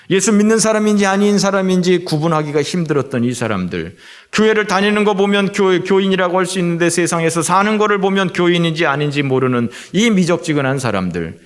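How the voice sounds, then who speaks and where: A middle-aged man from Seoul preaching a Sunday sermon as pastor in a church, pausing often with filler sounds. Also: sits high. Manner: frequent filler sounds and drawn-out hesitations. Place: church sanctuary.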